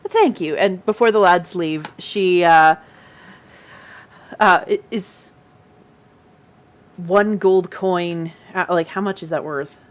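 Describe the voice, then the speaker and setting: A woman's voice: fairly low pitch, steady tone, slow, long pauses, muffled recording. Woman thinking aloud at a game table. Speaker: player. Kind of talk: casual tabletop play.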